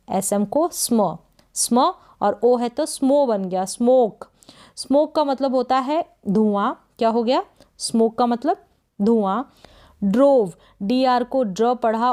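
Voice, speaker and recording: A woman from India teaching English pronunciation in Hindi, spelling words out letter by letter and repeating them slowly with question prompts. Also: on the high side, warm tone. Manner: slow, drilling repetition with "what is it?" prompts.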